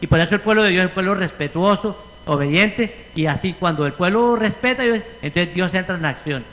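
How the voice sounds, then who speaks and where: Casting: Puerto Rican male pastor, high bright voice, lively preaching, long church reverb. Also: brisk. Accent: Puerto Rican Spanish. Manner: animated preaching, acting out quoted voices. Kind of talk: sermon with congregation discussion. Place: church sanctuary.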